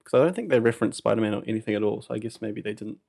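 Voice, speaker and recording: Young kiwi man with a gravelly voice. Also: on the low side, rapid-fire, darkish tone. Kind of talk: casual chat.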